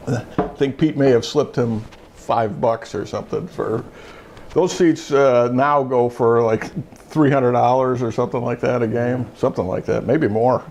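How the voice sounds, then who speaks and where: A man's voice: medium pitch, fairly even intonation, a little slow, a little mellow, slight background noise. Older man telling a rambling anecdote. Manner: rambling anecdotes full of restarts and fillers. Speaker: show host, retired judge. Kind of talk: casual storytelling chat.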